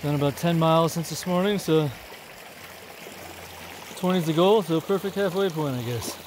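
A man's voice: fairly high pitch, normal speed, darkish tone, a little hiss or hum. A man vlogging casually on a forest trail, rambling with many fillers. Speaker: thru-hiker vlogger.

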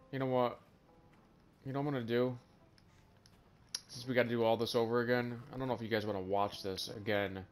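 A man giving casual let's-play commentary, laid-back and swearing, saying dude a lot. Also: on the low side. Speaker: gaming channel host. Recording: game music loud behind voice.

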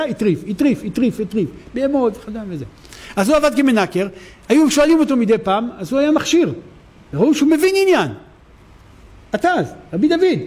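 A rabbi giving a sermon in a synagogue, telling a story emphatically with lots of repetition. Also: male voice, extremely high pitch, a little mellow.

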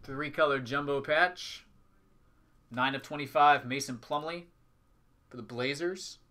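A man's voice: a little high, a little slow, bright, forceful tone. A man hosting a live trading card break, calling out items in short, clipped announcing phrases. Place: indoors at a tabletop with a display backdrop.

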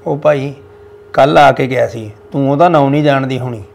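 A man's voice: medium pitch, steady tone, a little fast, gravelly, lightly acted. An actor playing an older village father-in-law with a Punjabi accent who lectures his family about honour. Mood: scolding. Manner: scolding, lecturing.

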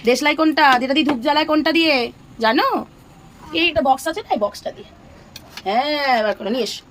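High-voiced mother coaching her child at home. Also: fast, a little hiss or hum. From Bengal. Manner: patient, repeating instructions gently. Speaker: mother vlogger. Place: home, indoors.

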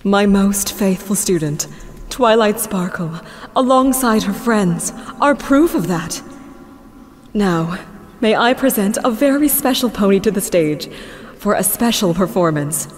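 A woman's voice: medium pitch, expressive, unhurried, lightly acted. A woman plays a gracious cartoon pony princess. She speaks formally and regally in a mid-range voice, with the reverb of a large hall around her. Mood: gracious, ceremonial. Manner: formal, stately. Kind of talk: animated fan series voice acting, ceremonial speech.

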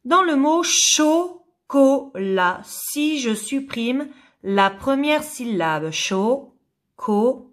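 A woman teacher giving a slow phonics lesson to young children, carefully sounding out and repeating each word. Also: high voice, sing-song, a bit bright.

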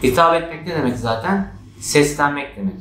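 Male teacher, lively, slightly high voice, echoey classroom sound. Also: a little fast, a little hiss or hum. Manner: lively, acts out example shouts with raised pitch. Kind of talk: exam-prep grammar lesson. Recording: echoey room.

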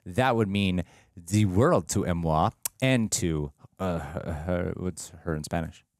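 A man's voice: low voice, slow pace, darkish tone, no echo, clean studio sound. A young man co-hosting a reaction show, casually chatting with crude jokes and laughter. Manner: joking, crude banter with laughter. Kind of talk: casual chat.

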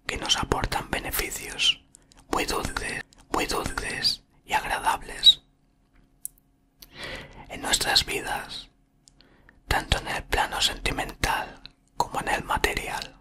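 A man in his thirties reads from a book in a breathy ASMR whisper, murmuring haltingly very close to the microphone. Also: bright, forceful tone. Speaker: ASMR content creator. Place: small room indoors. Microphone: desktop condenser microphone, very close.

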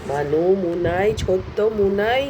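A woman's voice: lowish voice, unhurried. A woman filming a casual home vlog, coaxing her pet dog in affectionate baby talk. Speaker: dog owner. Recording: traffic noise behind.

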